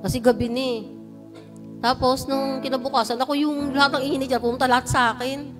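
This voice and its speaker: A woman telling her church testimony, recounting her story and building into loud, fervent praise. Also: sits high, level tone, a little fast, over music. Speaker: church member giving testimony. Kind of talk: personal testimony at a prayer meeting. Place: church sanctuary.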